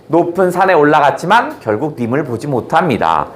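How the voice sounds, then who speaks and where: A man's voice: fairly high pitch, sing-song, brisk. A man teaching a literature class in a playful, colloquial way with blunt slang. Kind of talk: classroom lecture.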